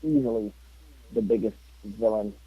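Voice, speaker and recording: A man's voice: fairly low pitch, normal speed, husky, muffled recording. A man co-hosting a podcast in casual chat, rambling with lots of fillers. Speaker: podcast co-host.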